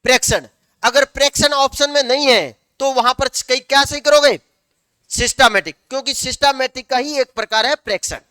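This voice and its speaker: Male teacher, lecture delivery, self-answering questions, dictates slowly at times. Very clear, crisp tone. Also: very high-pitched, pushed and bright, dry recording, clean studio sound. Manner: asks the class questions and answers them himself; slows down to dictate notes word by word. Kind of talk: classroom lecture.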